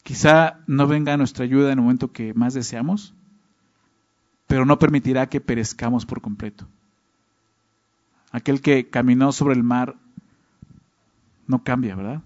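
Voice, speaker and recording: A man's voice: mid-range voice, steady tone, measured pace, long pauses, darkish tone. A man preaching a Bible-teaching sermon in a conversational way, often checking in with his listeners through short tag questions. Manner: conversational, constantly checks in with "¿no?" and "¿verdad?". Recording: dull lo-fi recording.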